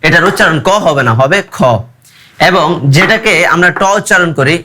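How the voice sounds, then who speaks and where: A man's voice: sits high, normal speed, sharp tone. A teenage boy teaching his classmates, explaining step by step and spelling words out letter by letter. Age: teens. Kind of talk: classroom lesson.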